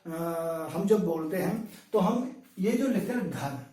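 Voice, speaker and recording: Male lecturer, high voice, patient demonstrating delivery, distant mic in a roomy space. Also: animated, warm tone. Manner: slow, drawn-out demonstration of sounds with fillers. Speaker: Hindi lecturer. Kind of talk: classroom-style pronunciation lesson. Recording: echoey room, voice from a distance.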